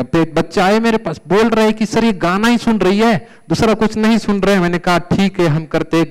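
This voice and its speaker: Guy lecturing at a conference, kinda high voice, smooth and clear, gets really animated. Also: poor audio. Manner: animated, mixes English terms and Sanskrit verses. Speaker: Ayurveda lecturer. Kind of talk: conference lecture with case stories. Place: conference hall.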